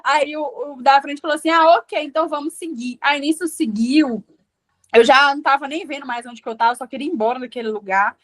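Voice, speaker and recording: High-voiced Brazilian woman telling her story. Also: fairly quick. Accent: Brazilian Portuguese, Minas Gerais. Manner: lively storyteller acting out dialogue. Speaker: student giving a testimonial. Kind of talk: emotional personal story.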